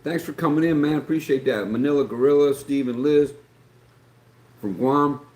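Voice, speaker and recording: His voice on the high side and slightly mellow, a middle-aged man from West Virginia speaks at a moderate pace with an Appalachian accent. He hosts a live stream, chatting in a rambling, folksy style and reading out viewer comments, with faint background noise in an echoey room.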